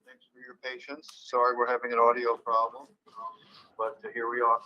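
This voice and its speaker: A man presenting in a webinar, his voice relayed through a phone held away from the mic, speaking haltingly with many fillers. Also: medium pitch, monotone, dull audio. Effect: voice relayed over a phone held away from the mic. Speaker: market analyst presenter.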